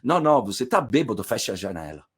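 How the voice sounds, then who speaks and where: Brief: brusque young maid, quick and dismissive, voiced by a male storyteller. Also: on the low side, sing-song, slightly rough.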